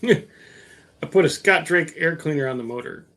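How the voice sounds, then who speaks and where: A middle-aged man hosts a casual live stream about his car work, rambling, mocking himself, packing in fillers and reading out viewer comments. His voice sits on the high side, gravelly and fairly bright, animated at a normal speed.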